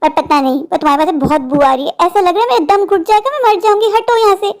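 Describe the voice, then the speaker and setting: A woman voicing an irritable elder sister who scolds impatiently in an animated horror story. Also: extremely high pitch, fast talker. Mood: irritated.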